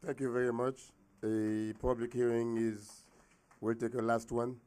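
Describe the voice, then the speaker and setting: A man chairs a public meeting with short formal procedural remarks. His voice is average in pitch and quite flat in intonation. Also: unhurried, clear, resonant tone.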